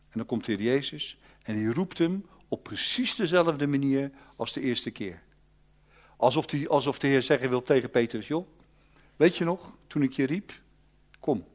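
A male preacher, giving an animated storytelling sermon that swings from loud to hushed. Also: lowish voice.

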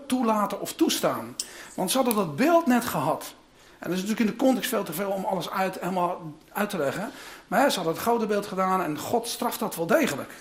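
Preacher, sermon, animated storytelling, lively rising and falling pitch, casual asides.

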